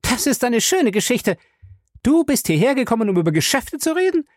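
A shrill furious wife. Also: female voice, sing-song, a little fast, no room sound, studio quality. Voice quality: shrill, voice cracking. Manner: screaming accusations, sarcastic. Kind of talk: audiobook character voice.

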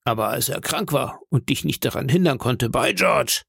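A man's voice: mid-range voice, expressive, normal speed, creaky, husky, no echo, studio quality, voice pushed up, heavily acted. A man voicing an earnest, fatherly middle-aged ship's doctor who scolds and urges in an audiobook reading.

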